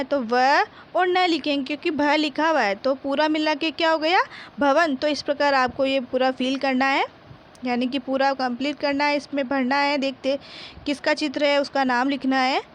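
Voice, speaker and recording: A woman teaching a reading lesson to young children. She reads words slowly, one sound at a time and then whole, and asks simple questions that she answers herself. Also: sits high, a little hiss or hum. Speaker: primary school teacher.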